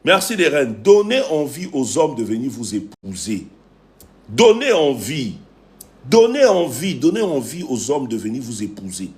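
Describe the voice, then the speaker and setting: A relationship coach with a Cameroonian accent hosts a livestream, preaching emphatically to viewers and greeting commenters. His medium-pitched voice swings widely in pitch at a measured pace, and he repeats phrases for effect.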